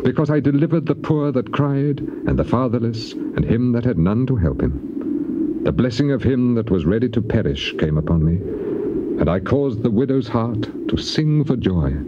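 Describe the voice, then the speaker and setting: An actor playing Job, a solemn, grieving old patriarch, declaiming scripture in measured, theatrical phrases. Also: male voice, mid-range voice, lively intonation, lightly acted. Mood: wistful, proud. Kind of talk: dramatized scripture reading, theatrical classical acting. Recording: dull, very noisy old cassette tape.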